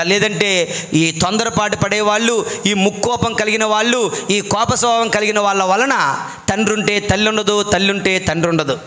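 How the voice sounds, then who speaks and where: Bright high-voiced preacher man. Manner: storytelling, acts out quoted voices. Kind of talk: sermon with anecdotes.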